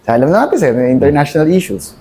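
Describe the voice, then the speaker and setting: Earnest, deferential man with a dark voice. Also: fairly high pitch, very animated, very fast. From Philippines, Cavite. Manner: deferential, adds "sir" to nearly every phrase; earnest, mixes English into his talk. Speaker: army officer guest. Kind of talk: candid interview talk.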